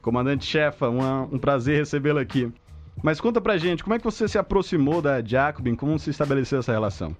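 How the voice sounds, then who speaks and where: A man's voice: medium pitch, animated, quick pace, faint music behind. A man with a Brazilian accent co-hosting a podcast, delivering the opening narration in an emphatic, playful way. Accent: Brazilian Portuguese. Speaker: co-host.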